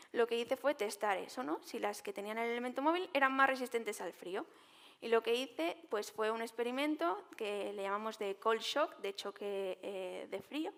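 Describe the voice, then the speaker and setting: A young woman scientist walks a public audience through her research. Her voice sits a little high, and she talks in an explanatory way, full of fillers and tag questions. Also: a bit bright. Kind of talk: talk at a public science event.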